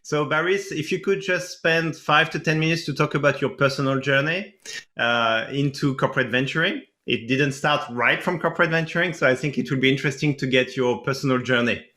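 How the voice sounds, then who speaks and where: A man's voice: fairly high pitch, fairly quick, pushed and bright. A man moderating an online interview, friendly and chatty with light jokes.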